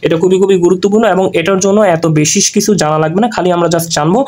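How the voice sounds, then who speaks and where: A man's voice: high voice, fairly even intonation, rapid-fire, darkish tone. A man teaching an exam-prep grammar lesson, explaining through repeated examples and frequent check-ins.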